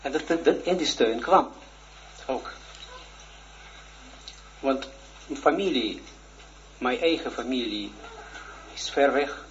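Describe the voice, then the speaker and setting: Male religious teacher, 40s, halting earnest testimony, muffled lo-fi audio. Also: mid-range voice. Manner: halting, hesitant, with many restarts; shy and earnest. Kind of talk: personal testimony in a religious lesson. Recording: dull lo-fi recording with faint noise.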